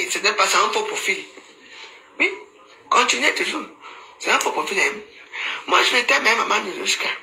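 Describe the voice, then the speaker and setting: A woman's voice: medium pitch, bright, forceful tone. A woman doing a casual Facebook live, teasing and scolding with frequent laughter. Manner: teasing, mocking, laughs often, scolding asides. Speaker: social media commentator. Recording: roomy echo, faint background noise.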